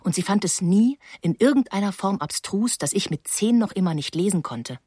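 A woman narrating an audiobook in an expressive, reflective storytelling manner. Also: medium pitch, moderate pace, breathy edge, dry recording, clean studio sound. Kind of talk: audiobook reading.

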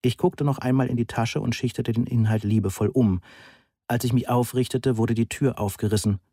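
A man's voice: mid-range voice, fairly even intonation, fairly quick, dark tone, slightly rough, no echo. A man reading an audiobook in a dry, wry storytelling manner. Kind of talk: audiobook narration.

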